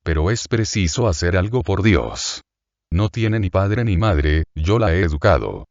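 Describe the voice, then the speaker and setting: A man voicing a calculating middle-aged male innkeeper who feigns warm affection, in an audiobook reading. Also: deep voice, expressive, a little slow, no echo, muffled recording. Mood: falsely tender. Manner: falsely kind, sentimental, calculating.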